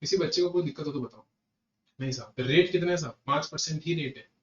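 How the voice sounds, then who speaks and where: An Indian man giving a classroom lecture to students, repeating each point and talking to them directly in an animated way. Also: a little high, fast. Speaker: GST lecturer. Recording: echoey room, distant muffled mic.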